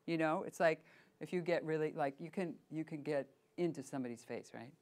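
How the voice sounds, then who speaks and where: A middle-aged woman leading a voice workshop, playful and lively, demonstrating sounds and asking her group questions. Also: sits low, fairly quick. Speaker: voice workshop teacher. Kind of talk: workshop teaching.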